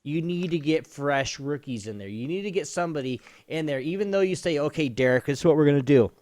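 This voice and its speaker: A man co-hosts a podcast, talking sports in a blunt, informal and emphatic way with casual, opinionated chat. His voice is fairly high and darkish in tone, and he speaks fast and animatedly. The recording is dry, with no room sound.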